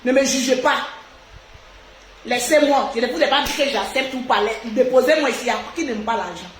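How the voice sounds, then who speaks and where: A woman hosts a casual live stream and talks straight to her viewers, outspoken and animated. Her voice sits high. The room is echoey, with a faint hiss underneath. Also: fairly quick.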